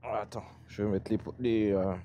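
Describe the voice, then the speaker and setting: A man's voice: lowish voice, steady tone, moderate pace. A man chatting casually and joking while riding a motorcycle, talking inside his helmet through a helmet-mounted mic. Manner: laid-back, swearing, joking. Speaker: motorcycle vlogger. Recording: heavy road and wind noise.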